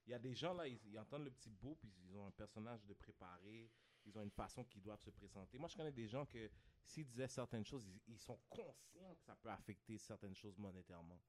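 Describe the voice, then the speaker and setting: A content creator guesting on a casual podcast, a man with a Quebec French accent speaks quickly in a fairly low voice with lively intonation. He mixes English slang into his French and often asks "tu comprends?", with slight background noise present.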